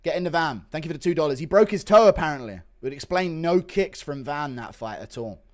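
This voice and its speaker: Male fight-reaction streamer, high voice, sweary and excitable, moves between calm chat and shouted calls. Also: quick pace. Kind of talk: live fight commentary and casual chat reaction.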